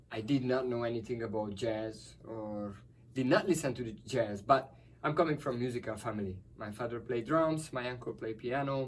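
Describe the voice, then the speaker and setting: A man's voice: mid-range voice, slight background noise. A middle-aged man from Hungary, a guest musician telling stories cheerfully and laughing often. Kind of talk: conversational interview. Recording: distant from the mic.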